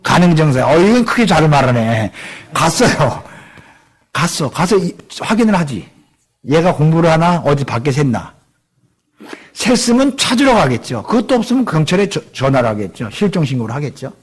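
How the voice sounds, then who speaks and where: A man's voice: a little high, sing-song, fairly quick, breathy edge. A middle-aged man preaching a sermon in a church, asking the congregation questions and acting out the voices of people he quotes. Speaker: pastor. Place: church sanctuary.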